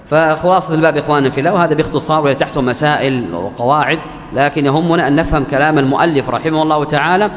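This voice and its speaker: Lively-voiced man teaching in an echoey hall. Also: fairly high pitch, slight background noise. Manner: asks questions and answers them himself, repeating key terms; intones quoted verse lines slowly. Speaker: Quran recitation teacher. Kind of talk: classroom lecture explaining a verse text. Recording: echoey hall with faint background ambience.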